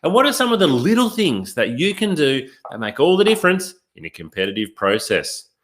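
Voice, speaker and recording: A middle-aged man coaches job seekers in a live online workshop, his voice sitting a little higher than most men's. He talks in an upbeat, emphatic way and keeps turning to his viewers with rhetorical questions. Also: big pitch swings, brisk, a bit bright. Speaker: career coach.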